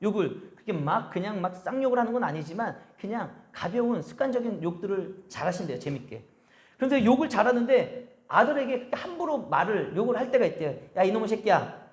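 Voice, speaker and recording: A male pastor delivers a Sunday sermon in a notably high voice. His pitch swings widely as he drives home point after point. He keeps firing rhetorical questions at the congregation and stretches out the words he wants to land. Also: big pitch swings. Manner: slows and stresses key phrases. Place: church service.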